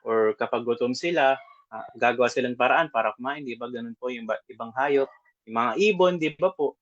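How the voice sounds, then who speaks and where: A man giving a short, informal sermon at a house church. He speaks politely, keeps asking his listeners to agree, switches between Tagalog and English, and reads scripture aloud slowly. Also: mid-range voice, no room sound, highs cut off. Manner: polite, peppered with "di ba po" asides. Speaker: preacher.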